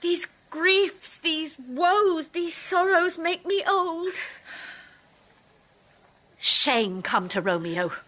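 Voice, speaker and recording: An actress playing a distraught older nurse in classical radio drama, lamenting theatrically. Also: female voice, very high voice, expressive, very slow, pauses often, pushed and bright, full character voice. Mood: bitter, weary. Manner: lamenting, repetitive, theatrical wailing. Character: distraught, wailing older female nurse, servant and confidante.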